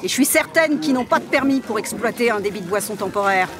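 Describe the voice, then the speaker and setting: A woman's voice: mid-range voice, lively intonation, fast, music in the background, lightly acted. A woman voicing a prim, righteous, officious warrior in a comic fantasy video game. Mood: disapproving. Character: prim, righteous female warrior obsessed with law.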